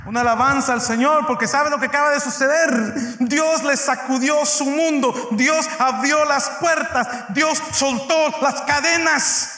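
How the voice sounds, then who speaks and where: A man preaching a sermon as pastor, emphatic and addressing his listeners directly, swinging between loud and soft. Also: very high-pitched. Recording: echoey church hall reverb.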